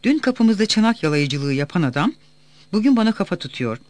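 A man's voice: high-pitched, very animated, fairly quick, dry recording, pitched above the performer's own voice. A man voicing a landowner's hot-headed, arrogant son from a novel, blustering and insulting. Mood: angry.

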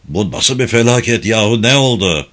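A man's voice: fairly low pitch, expressive, moderate pace. A man voicing an angry, crude-mouthed male prison guard in an audiobook. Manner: shouting, crude.

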